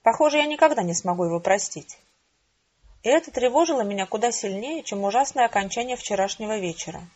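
A woman narrates a first-person audiobook in a measured, dry and even way. Her voice is husky and sits slightly high. The recording sounds dull and lo-fi.

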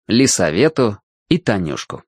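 A man narrating a storybook in an expressive storytelling manner. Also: fairly low pitch, a little slow, no room sound, clean studio sound. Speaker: audiobook narrator.

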